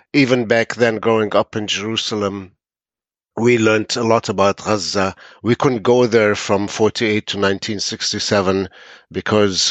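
A man's voice: on the low side, no echo, dull audio. A man in his seventies from Palestine, speaking as a podcast guest in a hesitant, reflective way with many fillers. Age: 70s. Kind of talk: conversational interview.

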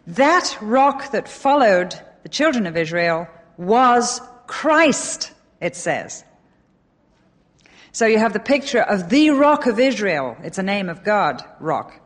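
A middle-aged woman with an English accent teaches from the Bible, leaning hard into key words and poking gentle fun at herself. Her voice sits at an ordinary middle pitch. The sound carries a long reverb, as in a large hall. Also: takes it slowly. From England. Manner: animated and emphatic, with self-deprecating humor.

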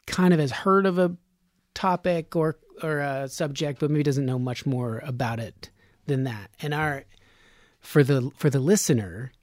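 A man's voice: on the high side, no echo, clean studio sound. Chatty rambling male podcast host. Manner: rambling, chatty, laughs often. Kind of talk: casual podcast chat. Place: podcast studio.

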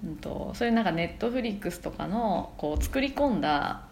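A woman illustrator, a podcast guest, talking in a relaxed, musing way with soft fillers. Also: mid-range voice, normal speed, gravelly, a little hiss or hum. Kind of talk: casual podcast chat.

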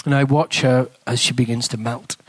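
A medium-pitched, husky male voice with a steady tone and normal speed, recorded in low quality with no room sound. He's an English-accented guest speaker preaching a sermon, telling a story in a relaxed, conversational style and whispering hushedly in prayer.

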